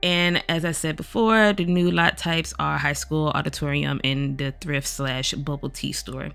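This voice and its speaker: A woman's voice: low-pitched, fairly even intonation, measured pace, gravelly, a bit bright, clean tone. A woman creator giving a casual overview of a new game pack, chatting straight to her viewers with a groggy morning voice. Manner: chatty, addresses viewers directly as "y'all". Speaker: gaming video creator.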